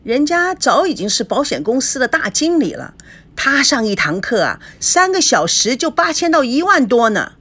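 A woman voicing a cheeky, sharp-tongued young woman who teases. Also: high voice, very animated, breathy edge, voice pushed up, full character voice. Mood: teasing. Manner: teasing, quick retorts.

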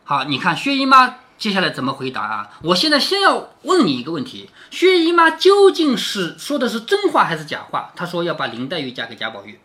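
A man's voice: high voice, wildly swooping pitch, a little fast, hardly any pauses, pushed and bright. A man reading a classic novel aloud to his daughter and explaining it, often stopping to ask rhetorical questions like a teacher.

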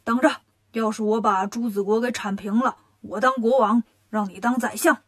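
A woman voicing a boastful male demon king in a children's storybook tale, with low gloating chuckles. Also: steady tone, moderate pace, close to an everyday voice. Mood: pleased.

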